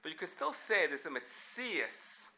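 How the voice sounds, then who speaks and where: A man teaching a casual Talmud class, thinking aloud with animated restarts and frequent rhetorical questions. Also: on the high side, unhurried.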